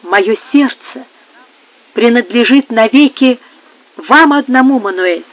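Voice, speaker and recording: A woman's voice: fairly high pitch, expressive, takes it slowly. Woman reading as a trembling young countess. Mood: pleading. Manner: trembling, pleading. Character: young countess, torn and frightened. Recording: dry, phone-like narrow sound.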